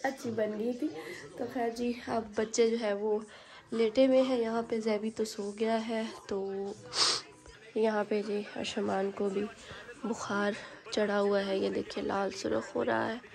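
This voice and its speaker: A woman's voice: mid-range voice, gravelly. A woman in her thirties vlogging casually with a sore throat, talking straight to viewers from home and on a shopping trip, on a handheld phone. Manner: chatty, talks straight to viewers. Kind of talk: casual vlog chat.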